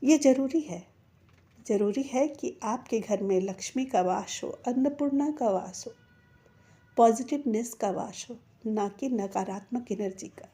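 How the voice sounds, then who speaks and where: A middle-aged woman speaks slowly and deliberately, with a somewhat high yet mellow voice. She sounds measured and persuasive, talking straight to her viewers as friends on her own channel. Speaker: channel host. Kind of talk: slow earnest advice to viewers.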